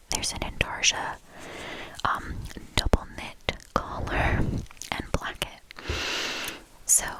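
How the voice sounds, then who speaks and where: A woman whispering a casual, rambling ASMR chat in a soft, unvoiced voice, lingering on and repeating soft words. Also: rough recording. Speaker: host of a knitting ASMR channel.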